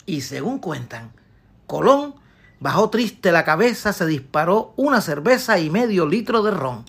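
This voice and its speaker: A woman's voice: on the low side, sing-song, unhurried, husky. A woman narrating a comic tale in rhymed verse with a wry, playful delivery. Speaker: storyteller.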